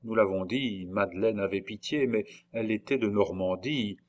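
A man reading a classic novel aloud in a measured, even storytelling manner. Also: on the low side. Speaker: narrator.

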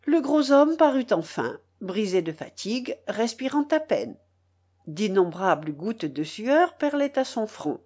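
A woman narrating a classic novel as an audiobook, in an expressive, dramatic reading. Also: mid-range voice. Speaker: audiobook reader. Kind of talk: literary narration.

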